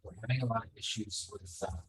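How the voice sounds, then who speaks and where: Deep-voiced man with his call audio cutting out. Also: a bit bright. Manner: halting, with many ums. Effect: audio cutting out over an online call. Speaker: game master. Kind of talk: narrating a tabletop game over a voice call.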